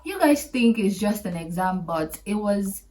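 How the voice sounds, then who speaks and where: A woman hosting a podcast, telling her own story to viewers in a chatty, animated way, laughing often and acting out what friends said. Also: mid-range voice, measured pace, recorded from a distance, low-quality recording. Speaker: podcast host.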